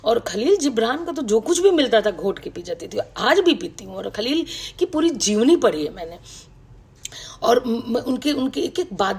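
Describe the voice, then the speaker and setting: A middle-aged woman, a writer, recalling her past in a reflective, personal talk on a video call, with many pauses and fillers. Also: fairly high pitch, husky. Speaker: writer speaking to an online audience. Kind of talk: personal reminiscence, casual talk.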